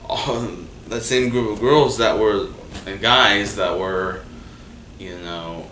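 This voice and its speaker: A man's voice: lowish voice, takes it slowly. A man hosting, telling his own stories in a casual, rambling way with many fillers and restarts. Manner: rambling, full of fillers and restarts, animated when quoting people. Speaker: host. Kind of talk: casual storytelling monologue. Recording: echoey room from far off, faint noise.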